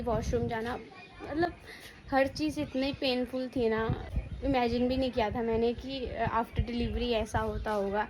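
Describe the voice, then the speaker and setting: Tearful young woman vlogger, somewhat high. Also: noisy background. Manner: tearful storytelling, repeating herself. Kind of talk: emotional personal vlog.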